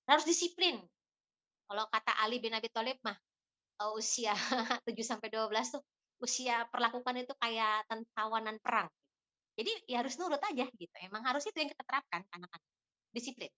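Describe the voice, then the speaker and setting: A woman, speaking to an audience of parents about raising children, animated and full of emphatic repetition. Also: a little high. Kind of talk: casual talk to an audience.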